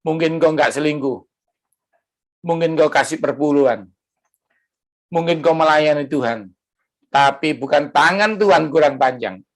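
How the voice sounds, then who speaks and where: A man preaching a sermon in a church service, lively and full of rhetorical questions to the congregation. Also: on the high side, a little slow, pauses often. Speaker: pastor.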